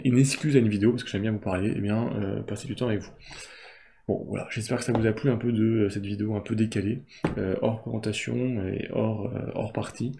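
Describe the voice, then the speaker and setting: A man's voice: fairly low pitch, gravelly, mellow, a little hiss or hum. A man hosting a casual board game unboxing video, talking in a rambling way with many fillers and restarts.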